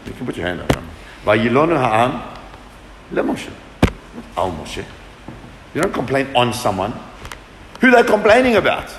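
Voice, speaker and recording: A man's voice: medium pitch, very animated, brisk, background noise. A man teaching a Torah class to a group, asking questions and answering them with emphasis. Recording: echoey room with long reverb.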